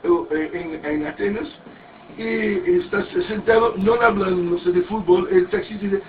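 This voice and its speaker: A man's voice: high-pitched, measured pace. A man in his fifties giving a rambling, anecdotal sermon-like talk with many restarts and crude words. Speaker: speaker at a parody mass. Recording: distant, tinny, faint background noise.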